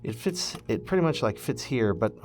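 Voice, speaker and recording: A man hosting a DIY electronics project video walks viewers through the build casually, thinking aloud informally as he handles the parts. His voice is medium-pitched and darkish, with lively intonation and a normal pace, plus a little hiss or hum.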